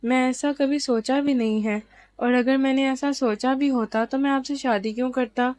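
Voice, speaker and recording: A woman's voice: sits high, steady tone, a little mellow, no echo, natural voice. A woman reading as a tender husband who reassures his wife.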